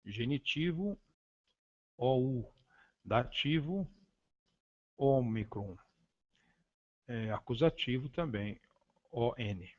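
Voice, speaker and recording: A man's voice: mid-range voice, animated. Man teaching grammar, dull lo-fi sound. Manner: slow, deliberate, spelling out words with frequent hesitations. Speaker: Greek teacher. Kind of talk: grammar lesson reading from slides. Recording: dull lo-fi recording.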